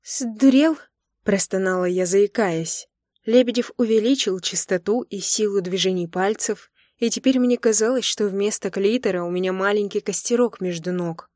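A woman narrating a first-person romance audiobook with an intimate, expressive reading. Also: medium pitch, moderate pace, no echo, clean studio sound.

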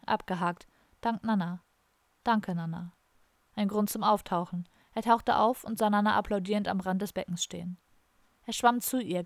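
A woman narrating an audiobook in a calm, even reading. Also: mid-range voice, dry recording. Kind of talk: scripted narration.

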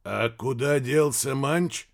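A man's voice: medium pitch, slow, vocal fry. A man voicing a stern, curt male admiral in an audiobook, barking short orders. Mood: commanding. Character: stern commanding male admiral, middle-aged. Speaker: audiobook character.

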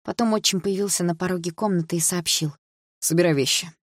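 A woman reads a first-person audiobook in a steady, measured way. Her voice sits low and husky. The recording is dry and close. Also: no echo. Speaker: audiobook narrator.

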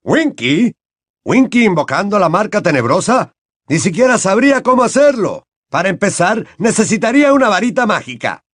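A man's voice: sits high, big pitch swings, fairly bright tone, no room sound, studio quality, voice pushed up, heavily acted. A man reading an audiobook and voicing a flustered, breathless male wizard official who fires off questions. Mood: incredulous. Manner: rapid-fire questions, flustered.

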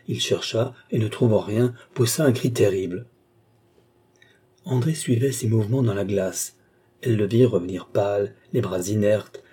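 A man narrating a classic novel as an audiobook, measured and expressive. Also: lowish voice, slightly rough.

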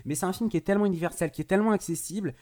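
A man's voice: high-pitched, racing, mellow. Enthusiastic man reviewing a film. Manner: enthusiastic, restarts phrases often. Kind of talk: casual film review chat.

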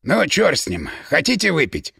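A tipsy inventor who shrugs everything off with weary irony, as a male reader puts him on. The voice has a gravelly texture and lively turns in pitch, recorded dry and close. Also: moderate pace, no echo, heavily acted. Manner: ironic, weary. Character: lazy, boozy male inventor, ironic.

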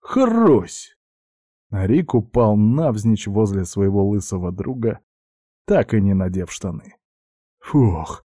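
A man's voice: fairly low pitch, measured pace, warm tone, no room sound, studio quality. A man reading a novel aloud as an audiobook narrator, telling the story steadily and voicing each character in turn.

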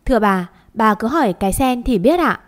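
A woman's voice: on the high side, expressive, brisk, close to an everyday voice. A woman voicing a humble male servant who reports politely in a storybook reading. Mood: deferential. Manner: polite, deferential.

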